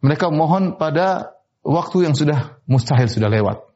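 A man's voice: expressive, normal speed, a little mellow. Man preaching, explaining Arabic word forms. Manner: rises sharply in pitch when stressing a point. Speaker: Islamic preacher. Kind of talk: sermon explaining Quran verses. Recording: slightly dull, muffled recording.

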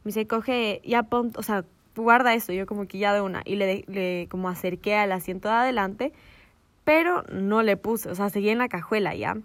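A woman telling a story in casual chat, animated and laughing, dropping in English slang. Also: mid-range voice, normal speed, no echo.

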